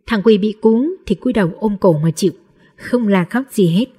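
A woman narrating a novel aloud in a steady, measured storybook reading. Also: medium pitch, husky. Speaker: audiobook narrator.

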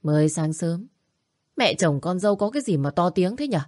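A woman's voice: on the low side, expressive, moderate pace, darkish tone, no echo, studio quality, lightly acted. A woman voicing a sleepy, dismissive young husband in a spoken story. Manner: grumbling, dismissive.

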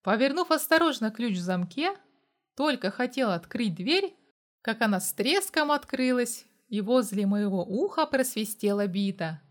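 A woman's voice: on the high side, expressive, moderate pace. Woman reading a story aloud. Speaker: narrator. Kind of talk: first-person story reading.

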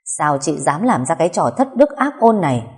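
An enraged older family patriarch who scolds his daughter-in-law in hard, biting tones, voiced by a woman reading the story. His lines come out raised and forceful. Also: on the low side, animated, moderate pace, husky. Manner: harsh berating.

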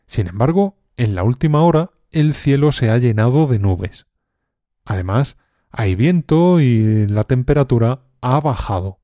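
A man teaching a language lesson, speaking calmly and deliberately with some hesitant fillers. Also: medium pitch, dry recording, clean studio sound. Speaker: Spanish teacher. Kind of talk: slow, clear language lesson.

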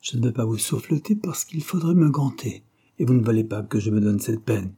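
A man voicing a haughty, furious middle-aged gentleman who threatens with contempt. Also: medium pitch, moderate pace, husky. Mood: threatening.

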